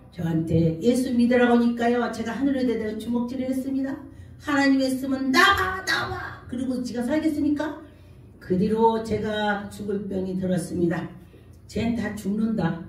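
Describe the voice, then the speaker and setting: Woman, pastor, sermon, dramatic storytelling, acts out quotes, booming church echo. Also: warm tone. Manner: storytelling, acting out quoted speech. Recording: echoey hall from far off.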